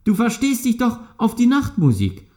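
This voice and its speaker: A man reading a fairy tale, voicing a sensible male donkey who talks briskly and persuasively. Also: extremely high pitch, wildly swooping pitch, dark tone, voice pushed up, exaggerated voice. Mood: überredend.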